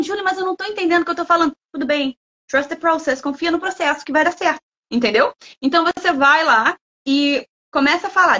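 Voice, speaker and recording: A woman from Brazil, a guest speaker who talks in a lively, playful way and acts out imagined students' lines. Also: sits high, highs cut off. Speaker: guest speaker, language school head. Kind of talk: lively talk in a livestream.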